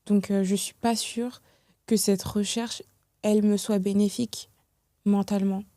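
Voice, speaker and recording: A young woman from France, a podcast guest talking in a reflective, hesitant way with many pauses and restarts. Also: medium pitch, little pitch movement, warm tone, no echo, studio quality. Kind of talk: casual podcast conversation.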